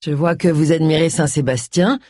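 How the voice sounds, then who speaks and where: A man's voice: on the high side, moderate pace, darkish tone, dry recording, studio quality, lightly acted. A reader voicing a smug, genteel man who talks in a mocking, amiable way with a sinister edge.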